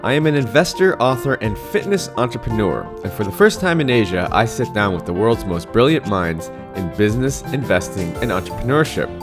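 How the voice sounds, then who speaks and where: A man's voice: lowish voice, sing-song, a little fast, hardly any pauses, over music. Man hosting a business podcast. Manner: hesitant, restarts words when ad-libbing. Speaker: podcast host.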